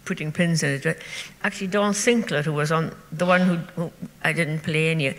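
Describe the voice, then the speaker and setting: A woman on a festival panel, telling a story with lively delivery and acting out the voices of its people. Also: low-pitched. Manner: lively storyteller who acts out the voices in her anecdotes. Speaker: panel speaker, folklorist. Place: public hall. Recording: hall reverb from a live talk.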